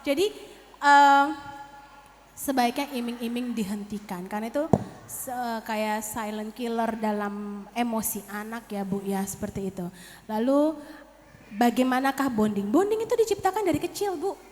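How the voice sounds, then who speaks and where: High-voiced woman speaking in a hall. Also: normal speed, a little hiss or hum. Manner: lively, addresses audience as Bu, acts out quotes. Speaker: parenting seminar speaker. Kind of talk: seminar talk to parents. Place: seminar hall. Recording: reverberant hall.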